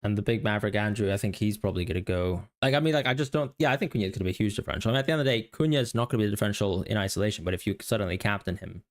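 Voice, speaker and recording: A low-voiced man co-hosting a podcast in casual, analytical chat. He thinks aloud, rambling and correcting himself as he goes. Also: very fast, few pauses. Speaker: podcast co-host.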